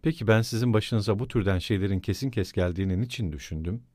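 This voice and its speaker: A man voicing a tense, agitated young male student in an audiobook reading, asking sharp, clipped questions. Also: lowish voice, fast talker, dry recording, clean studio sound, lightly acted.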